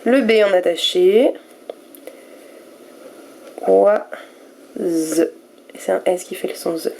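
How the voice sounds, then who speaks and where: A woman teacher giving a recorded reading lesson to young pupils, sounding out each letter and syllable slowly and with care. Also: lowish voice, gravelly, a little mellow, a little hiss or hum. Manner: slow and careful, spelling out letters and syllables one by one. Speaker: primary school teacher.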